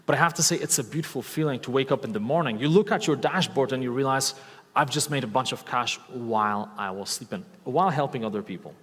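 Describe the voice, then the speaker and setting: A Polish man in his thirties gives an enthusiastic stage talk in a large hall before a live audience, often asking them questions and repeating key words. He speaks with a Polish accent in a medium-pitched, quick, somewhat bright, husky voice. The recording carries long hall reverb.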